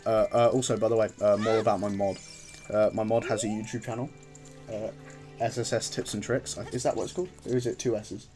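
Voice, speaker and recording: A man's voice: lowish voice, little pitch movement, brisk, a little mellow. A man streaming a video game with rambling, chatty commentary that often breaks off mid-sentence. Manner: rambling, chatty, self-interrupting. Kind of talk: casual gameplay commentary. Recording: background music under voice.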